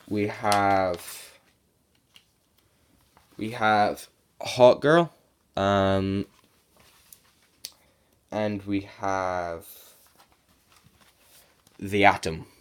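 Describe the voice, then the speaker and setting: A man's voice: on the low side, clear, resonant tone. A man with a sore throat and sniffles giving a casual, rambling video review as a comic book reviewer.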